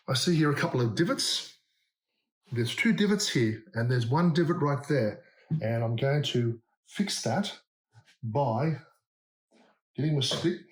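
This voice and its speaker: A man with an Australian accent talking through a hands-on how-to demonstration, describing each step in a relaxed way as he works. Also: medium pitch, reverberant. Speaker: DIY demonstrator.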